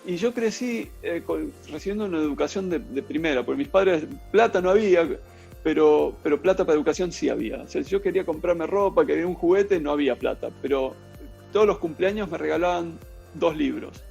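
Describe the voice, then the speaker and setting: Faint music plays behind a middle-aged man from Argentina as he recounts his life story in a casual interview, rambling and filling his speech with fillers in Buenos Aires Spanish. His fairly high voice is creaky with a darkish tone, and he speaks briskly and expressively.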